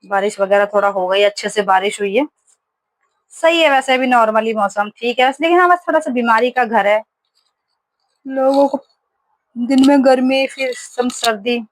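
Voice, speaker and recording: A woman's voice: on the high side, moderate pace, pauses often, no echo. A woman vlogging casually at home, telling stories in a chatty way with many fillers. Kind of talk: casual home vlog chat. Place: home kitchen, indoors.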